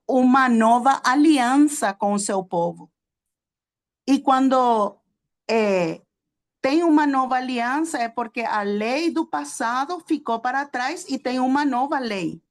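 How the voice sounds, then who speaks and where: Her pitch fairly high, a woman who preaches and teaches theology addresses a small group with a sermon, carrying the accent of her native Spanish. She stops often, using fillers, and checks whether her listeners understand.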